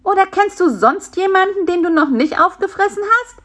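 A woman's voice: very high voice, lively intonation, moderate pace, fairly bright tone, pitched above the performer's own voice. A woman voicing a clever, pushy male fly who is impatient and full of plans, in a storybook reading. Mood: scolding. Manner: bossy, eager, talks people into plans. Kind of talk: storybook character voice.

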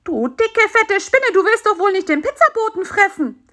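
A high, shrill little male fly who bosses everyone around, as a woman puts him on. His voice leaps up and down in bright, eager bursts. He sounds like a storybook pest who always wants more to eat. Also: normal speed. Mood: indignant. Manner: high, excited and demanding. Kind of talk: children's audiobook voice acting.

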